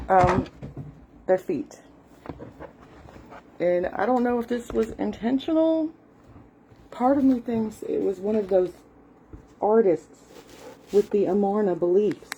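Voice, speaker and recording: A woman's voice: medium pitch, slow, long pauses, mellow, slight background noise, poor audio. A Southern woman in her late forties or older, chatting casually at home and walking viewers through the pictures in a book, with lots of fillers and apologies. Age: at least late 40s. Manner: shows a book page and walks viewers through it. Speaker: history hobbyist host. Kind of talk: casual rambling explanation. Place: home, cat nearby.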